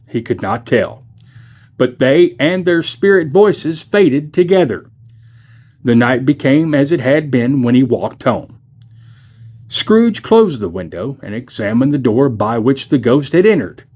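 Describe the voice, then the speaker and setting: A man reading a classic story aloud for a church, measured, with dramatic dips and rises in his voice. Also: mid-range voice, a little mellow. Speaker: church reader.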